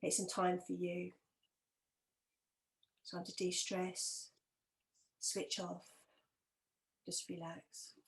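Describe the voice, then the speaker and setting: Her fairly low voice stays soft, calm and gentle as she guides listeners through a relaxation meditation as a hypnotherapist, measured in pace, sometimes breathy, with long pauses.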